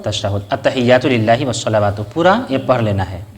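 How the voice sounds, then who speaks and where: A man's voice: medium pitch, fairly quick. A man giving a step-by-step lesson in a patient teaching manner, asking questions and answering them himself and reciting short Arabic prayer phrases. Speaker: religious teacher.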